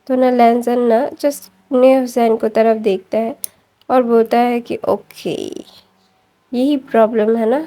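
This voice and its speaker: A woman's voice: fairly high pitch, flat delivery, dark tone. Chatty woman retelling a story. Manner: chatty, strings sentences with fillers and quick self-corrections. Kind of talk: casual spoken retelling of a fan story.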